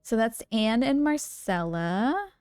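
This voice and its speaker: A woman's voice: a little high, lively intonation, slow pace, darkish tone, clear, resonant tone, no echo. A woman streaming a game, reading in-game letters aloud and reacting with gasps and laughs. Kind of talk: let's play commentary, reading notes and letters aloud.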